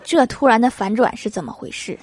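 A woman's voice: fairly high pitch, a little fast, noisy background. A woman reading funny short anecdotes aloud, adding teasing remarks and acting out the quoted lines. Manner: lively teasing storyteller voicing quotes. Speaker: joke narrator.

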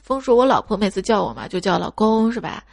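A woman's voice: medium pitch, sing-song, quick pace, vocal fry, darkish tone, no room sound, studio quality, soft background music. A woman hosting a show of funny stories about children, reading them in a playful way and putting on childlike voices for the kids. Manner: playful, slips into childlike voices for kids' lines. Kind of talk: radio-style comic storytelling.

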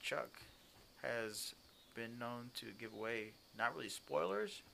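A man's voice: mid-range voice, animated, slow, vocal fry, pushed and bright, slight background noise. A man co-hosting a casual podcast, trading profane, enthusiastic banter.

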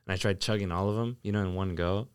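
A young man with a slightly low, clean voice races along in casual podcast chat. He talks like a frat bro, loose and slangy with plenty of swearing, in a dry, close recording. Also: steady tone, fast, clear, resonant tone, dry recording. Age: young adult. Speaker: podcast host.

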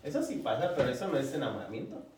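A high, lively man fires off wisecracks at a brisk clip. He is far from the mic in a very echoey room. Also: slight background noise. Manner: quick, animated, wisecracking. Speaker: co-host. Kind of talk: casual chat. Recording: roomy echo, away from mic.

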